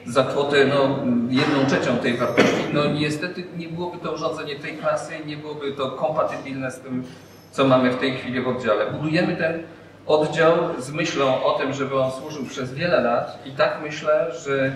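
A man's voice: a little high, steady tone, normal speed. A middle-aged man, a hospital representative, gives a hesitant press speech through a surgical mask, with many filler sounds. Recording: echoey room, far from mic, audible background noise.

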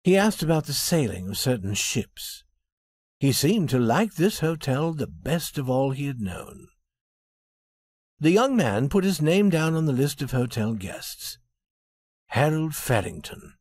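A man narrating a storybook for English learners with expressive intonation. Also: mid-range voice, unhurried, no echo, studio quality.

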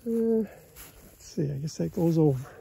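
Narrating his chores into a handheld phone out in an open pasture, this folksy American cattle farmer speaks plainly and casually from behind the camera. His fairly high, warm voice carries lively intonation and vocal fry at a moderate pace, with slight background noise.

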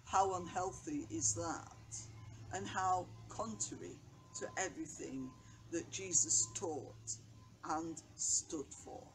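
Older woman vicar reading slowly. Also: on the low side, music in the background. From England. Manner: slow, measured reading from notes. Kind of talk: daily reflection and prayers. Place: outdoors by a brick wall on a bench. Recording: noisy outdoor recording.

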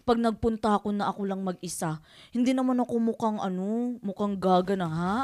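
A woman from the Philippines, a radio co-host, telling stories in lively casual chat and laughing often. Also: mid-range voice, a little fast. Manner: animated storytelling, laughing often.

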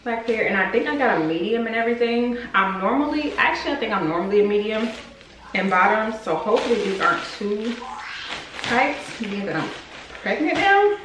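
A woman's voice: on the high side, expressive, a little fast. A young woman in casual, chatty talk, showing a clothing haul to her viewers and calling them y'all. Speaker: vlogger. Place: room in a house under renovation. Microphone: camera on a desk in front of her. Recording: roomy echo with clear background noise.

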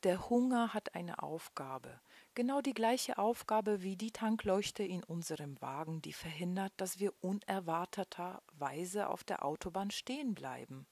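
A woman's voice: on the low side, expressive, measured pace, gravelly, a little mellow, no echo. A woman weight-loss coach telling a story dramatically, then drawing a motivational lesson from it.

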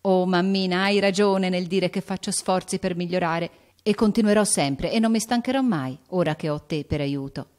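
A woman voicing a spirited, impulsive teenage girl in an audiobook, with an excited, emphatic delivery. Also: fairly low pitch, brisk, natural voice. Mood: moved. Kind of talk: audiobook character voice.

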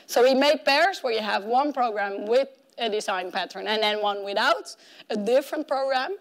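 A woman with a high, animated voice speaks from the front of a tech conference room, explaining research studies at a moderate pace. As the keynote speaker, she keeps it conversational and acts out objections the audience might raise. Her voice is picked up by a clip-on mic at her collar.

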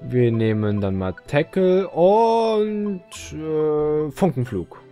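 Goofy, lively German let's player. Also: male voice, on the high side, drawn-out words, dull audio, soft background music. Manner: goofy, chatty, talks to the game. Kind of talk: casual gameplay commentary.

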